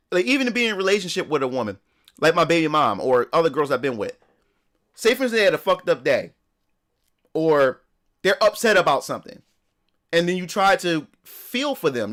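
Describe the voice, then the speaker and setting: A man's voice: a little high, fairly bright tone. A man chatting casually on a live stream, ranting emphatically, swearing a lot and repeating words as he builds up steam.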